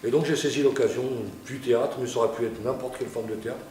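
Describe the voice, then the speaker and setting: A man's voice: mid-range voice, steady tone, fast talker, a little mellow, slight background noise. A man from France speaking earnestly, with some hesitation, about joining an amateur theatre group. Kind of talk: casual spoken account. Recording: echoey room, distant mic.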